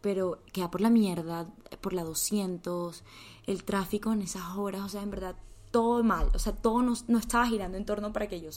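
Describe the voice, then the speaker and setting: This Colombian-accented woman, twenty years old, co-hosts a podcast and spins chatty stories loaded with slang and curse words. She talks briskly in a steady, mid-range voice with a darkish tone.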